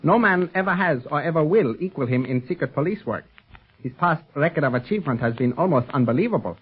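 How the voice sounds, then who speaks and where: An actor playing a composed, courteous Chinese police agent with formal, measured speech in a 1930s radio serial. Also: male voice, a little high, expressive, slightly rough. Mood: assured, formal. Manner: formal, measured, avoids contractions. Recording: tinny 1930s radio recording.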